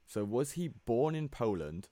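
A man's voice: mid-range voice, big pitch swings, measured pace, mellow, no room sound. A man co-hosting a podcast in casual chat, rambling and laughing easily. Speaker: podcast co-host.

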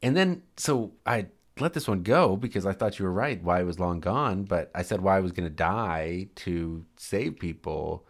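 Man, lowish voice, lively pitch, profane, sarcastic, casual recap chat. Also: moderate pace, hardly any pauses. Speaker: podcast co-host.

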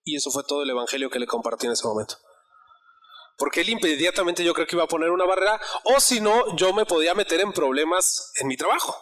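High, bright-voiced male preacher. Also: fast talker. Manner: conversational storytelling, asks the congregation questions. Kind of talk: sermon.

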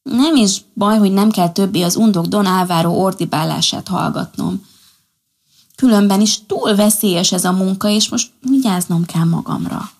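A woman's voice: mid-range voice, gravelly, a little mellow. A woman voicing a stubborn pregnant female rabbit who walks the tightrope in a storybook. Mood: cheerful.

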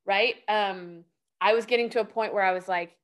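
A woman's voice: medium pitch, normal speed. A woman guest on a podcast, talking casually with lots of filler words as she shares life tips. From California. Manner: chatty, loose, heavy on "like" fillers. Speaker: guest, life-hacks coach.

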